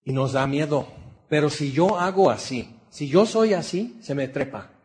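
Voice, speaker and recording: A man preaching a sermon with a Mexican accent. He speaks with emphasis, moves between raised and hushed delivery, and puts rhetorical questions straight to his listeners. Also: on the high side, animated, normal speed.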